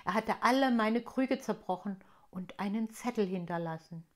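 A woman reading aloud, voicing a sad male elf from a children's storybook in a plain, gentle voice. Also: medium pitch, moderate pace, close to an everyday voice.

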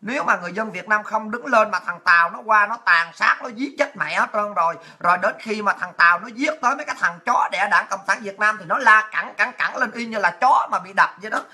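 A woman's voice: mid-range voice, brisk, few pauses, pushed and bright. A woman delivering a blunt, crude, fiery political rant to her viewers, swearing freely. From Vietnam. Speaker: political commentator.

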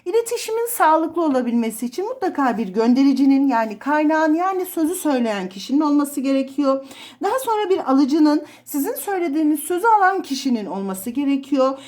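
A woman's voice: sits high, animated, fairly quick, a little mellow. A woman literature teacher giving an explanatory exam review lesson, listing terms with frequent fillers.

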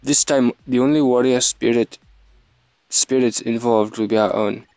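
A man's voice: mid-range voice, fairly even intonation, moderate pace, creaky, clean tone, no room sound, natural voice. A man reading the lines of a regal male king in a game, plainly and in his own voice, without an accent. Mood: solemn. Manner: reads plainly, no accent attempted.

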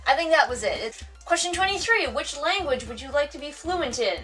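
Brisk and expressive, this woman speaks in a high-pitched, fairly bright voice, recorded by a distant camera mic with soft background music. A Wisconsin-accented American in her thirties, she films a casual tag vlog indoors at home beside bookshelves, reading each question aloud and answering with dry wit.

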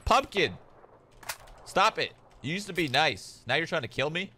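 A man's voice: fairly high pitch, sing-song, moderate pace, a little hiss or hum. Brash young man streaming a shooter. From Canada. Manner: brash, swearing, joking with strangers. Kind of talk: live gameplay commentary. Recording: loud gunfire behind the voice.

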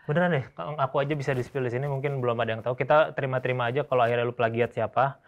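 Fast-talking teasing male interviewer. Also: mid-range voice, steady tone, highs cut off. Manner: teasing, interrupting, rapid-fire questions. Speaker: interviewer and host. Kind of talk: mock-serious comedic interview.

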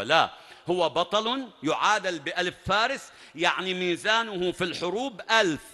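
Male preacher, bright and forceful, dramatic sermon storytelling, echoing hall. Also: high voice. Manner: dramatic, emphatic narration with rising bursts. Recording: long reverb at a large venue.

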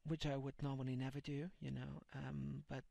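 With a medium-pitched, level, mellow voice and vocal fry, this man speaks at a moderate pace with no room sound. He's a native German speaker in his thirties, accented, who vlogs and translates comics. He rambles casually on his video blog, full of fillers and restarts, through a headset mic in a small, dim room.

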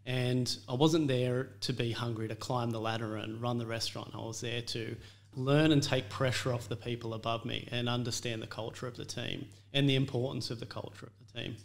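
A man in his thirties speaks into a studio mic with a noticeably gravelly texture. His middle-pitched voice carries earnest reflection and the odd filler as he recounts his kitchen years. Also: fairly even intonation, fairly quick. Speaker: chef and restaurant owner, guest. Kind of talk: casual interview conversation.

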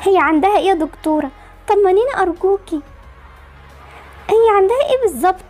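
A woman's voice: very high-pitched, animated, fast, darkish tone, faint music behind. A woman voicing a worried mother who talks anxiously and pleads, with an Egyptian accent. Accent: Egyptian Arabic.

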